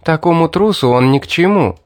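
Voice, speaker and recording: A man's voice: on the high side, expressive, a little fast, a little mellow, no echo, clean studio sound, pitched above the performer's own voice, lightly acted. A man voicing a scheming young woman from a fantasy audiobook who coaxes, mocks and threatens. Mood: commanding. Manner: mocking, coaxing and threatening. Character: scheming young woman, sweetly coaxing and cold.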